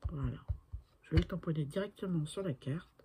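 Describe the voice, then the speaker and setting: A woman's voice: sits low, fairly quick, dark tone, breathy edge. A woman in her sixties chatting through a crafting tutorial, talking to herself as she works and often trailing off to a murmur. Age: 60s. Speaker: crafting video maker.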